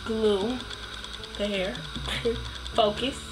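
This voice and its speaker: A woman's voice: fairly high pitch, moderate pace, noisy background. A woman with a cold and a stuffy nose, chatting casually through a hair tutorial and rambling with plenty of ums. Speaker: hair vlogger.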